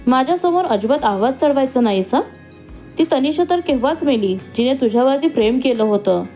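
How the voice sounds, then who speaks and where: A woman's voice: sits high, expressive, fairly quick, warm tone, faint music behind. A woman voicing a scheming, vengeful young woman who has escaped from jail and talks in a taunting, sneering way.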